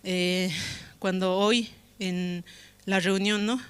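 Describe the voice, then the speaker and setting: A woman's voice: medium pitch, steady tone, extremely slow, smooth. A woman giving an emotional church testimony in Bolivian Spanish, full of hesitations and tag questions. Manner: emotional, hesitant, frequent "¿no?" tags. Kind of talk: spoken testimony.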